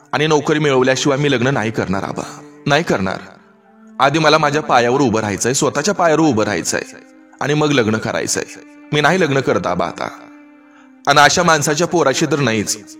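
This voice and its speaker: A man's voice: mid-range voice, animated, moderate pace, a bit bright, soft background music, pitched above the performer's own voice, close to an everyday voice. A man voicing a proud, defiant young village woman with a rural Marathi accent, speaking in a raised, impassioned way. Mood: defiant, indignant.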